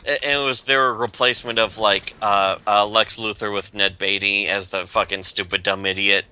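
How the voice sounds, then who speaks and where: A man's voice: on the low side, steady tone, normal speed, bright, forceful tone, clean tone. A man chatting casually as a podcast host, rambling and profane with lots of restarts. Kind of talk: casual chat.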